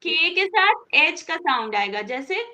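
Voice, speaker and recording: A woman teaching an online English phonics class, patient and encouraging, repeating each sound slowly for her students. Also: high-pitched, big pitch swings, bright, forceful tone, slight background noise.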